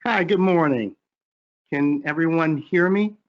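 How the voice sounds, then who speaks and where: A man's voice: fairly high pitch, unhurried. A man introducing himself and his investment firm as a webinar panelist, heard over a group video call. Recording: dull lo-fi call audio.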